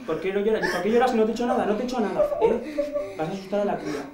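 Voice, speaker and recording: A man's voice: high voice, fast talker, roomy sound, heavy background noise, natural voice. An actor playing an abusive, controlling husband who berates and mocks his wife. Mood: mocking rage. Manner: berating, mocking, swearing. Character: abusive controlling husband, middle-aged man, cruel.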